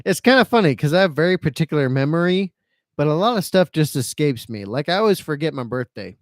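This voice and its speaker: A man's voice: fairly high pitch, very animated, fast, dry recording, clean studio sound. A man hosting a casual live stream, reading out chat comments and rambling repetitively in a self-pitying, resigned, sweary way. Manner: rambling and repetitive, circling back over phrases.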